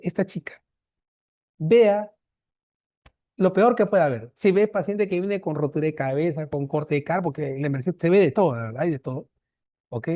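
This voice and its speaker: A Peruvian man in his fifties, a doctor lecturing, telling a case story and acting out the dialogue with lively voices. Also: on the high side, dry recording. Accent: Peruvian Spanish. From Peru. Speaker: medical lecturer. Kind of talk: anecdote in an online lecture.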